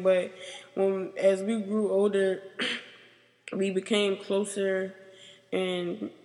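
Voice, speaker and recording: A young American woman telling her life story in an interview, halting and rambling, with "like" in nearly every sentence. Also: mid-range voice. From United States. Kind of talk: personal interview. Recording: long reverb.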